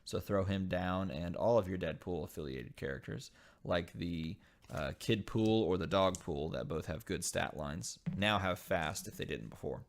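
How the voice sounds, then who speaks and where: A man hosting a casual unboxing video, reading game card text aloud and thinking over each card with frequent pauses. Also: sits low, creaky. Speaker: channel host opening dice game packs.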